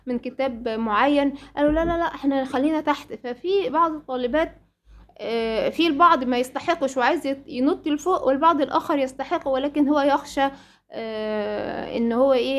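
A woman with an Egyptian accent teaching a Quran recitation lesson to female students. She poses rhetorical questions, answers them herself, and often hesitates and restarts. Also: high voice. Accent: Egyptian Arabic.

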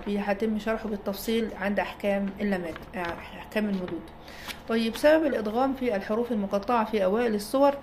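A woman's voice: medium pitch, a little mellow, a little hiss or hum. A woman with an Egyptian Arabic accent gives an explanatory lecture as a recitation teacher. She asks and answers her own questions and checks in with her listeners.

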